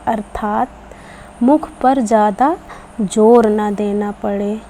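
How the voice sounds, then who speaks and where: Slow, patient woman teaching children. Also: on the high side, creaky, mellow, a little hiss or hum. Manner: slow, patient explaining with repetition; addresses children. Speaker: Hindi teacher. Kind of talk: children's grammar lesson.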